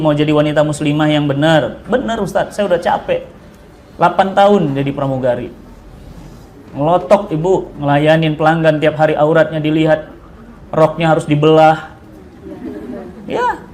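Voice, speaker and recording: Animated high-voiced man preaching. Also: a little hiss or hum. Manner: animated, acts out dialogue with rising pitch. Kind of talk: storytelling religious talk to women.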